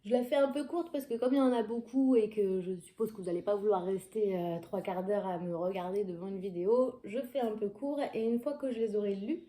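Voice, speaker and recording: Mellow-voiced woman chatting in a roomy space. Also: medium pitch, a little fast, hardly any pauses, a little hiss or hum. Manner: chatty, digressive, many hesitations. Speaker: book vlogger. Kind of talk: casual book haul chat.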